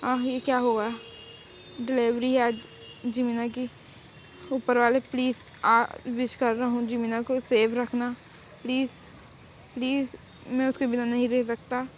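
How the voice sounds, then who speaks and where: A woman's voice: a little high, flat delivery, a little slow, pauses often, natural voice. A woman voicing a young husband who is possessive at first, then devoted and pleading, in a fan-made story, recorded on dull lo-fi audio with faint noise. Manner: pleading, insistent.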